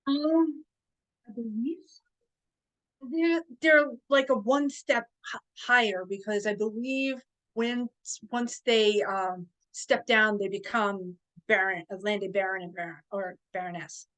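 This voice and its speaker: A woman chatting as a podcast guest, telling stories in a hesitant way with frequent pauses and fillers. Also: medium pitch, fairly bright tone, poor audio. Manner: hesitant, with many fillers and restarts. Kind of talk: casual interview chat.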